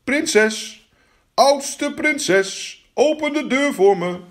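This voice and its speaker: A man's voice: mid-range voice, huge pitch swings, normal speed, darkish tone, husky. A man voicing a small, persistent male frog in a storybook fairy tale, who keeps pleading. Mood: squeaky pleading. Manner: insistent, repeats his calls.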